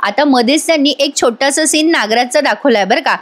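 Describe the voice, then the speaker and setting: A woman with a high-sitting voice and a fairly quick pace gives a chatty voice-over recap of a TV serial episode. As a TV serial reviewer, she talks straight to her viewers.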